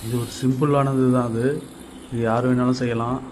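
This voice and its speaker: A carpenter from Tamil Nadu speaks at a moderate pace in a mid-range, level, darkish voice, with slight background noise. On his channel he casually explains step by step how to make a tool, going over points repeatedly.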